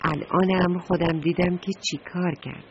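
A woman voicing a small cheerful sparrow in a children's story, speaking calmly and reassuringly. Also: fairly low pitch, highs cut off, slight background noise, lightly acted.

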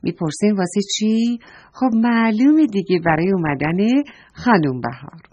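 A woman's voice: medium pitch, expressive, a little mellow, highs cut off, slight background noise. A woman narrating a children's story, speaking affectionately and directly to the children listening. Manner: playful self-correction.

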